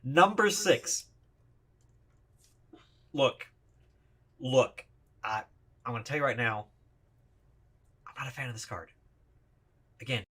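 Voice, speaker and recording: A man's voice: medium pitch, lively intonation, takes it slowly, long pauses, a bit bright, husky. A man in a played video ranking trading cards, plain-spoken and opinionated, with some hesitant restarts. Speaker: card reviewer in a played video. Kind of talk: casual ranking commentary.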